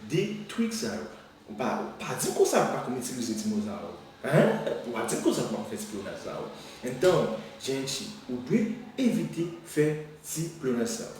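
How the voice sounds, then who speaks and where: Lively man teaching in an echoey room. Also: medium pitch, recorded from a distance, a little hiss or hum. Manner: lively, switching between teaching and mock dialogue, laughs often. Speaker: language teacher. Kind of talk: casual video lesson.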